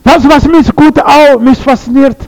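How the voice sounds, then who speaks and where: A man delivers a sermon in an unusually high, gravelly voice. He speaks slowly and deliberately. He repeats his phrases and keeps asking the congregation questions. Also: fairly even intonation, darkish tone, rough recording. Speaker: preacher.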